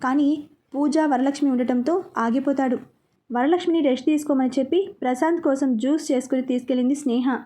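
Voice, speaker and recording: A woman narrating a serialized drama story in a steady, expressive reading. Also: high voice, a little fast.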